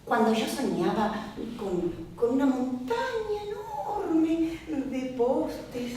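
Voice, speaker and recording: Una actriz da vida a una esposa argentina de mediana edad, recatada y devota, que habla con una entonación muy viva y sube y baja la voz para remarcar. La voz llega desde lejos en un teatro con mucho eco. Se oye música de fondo. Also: female voice, slow, distant mic, a little hiss or hum, exaggerated voice. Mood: dreamy. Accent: Argentine Spanish. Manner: expressive, mimics sounds and shifts pitch for emphasis. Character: Olga, a prim middle-aged wife devoted to her husband. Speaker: stage actress in a one-woman play. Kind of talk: theatrical monologue. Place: theatre stage.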